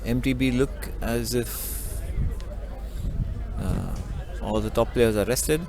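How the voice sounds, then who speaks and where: A man giving color commentary at a live match, calmly explaining tactics and throws. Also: medium pitch, slow pace, noisy background. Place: outdoors at a sports field.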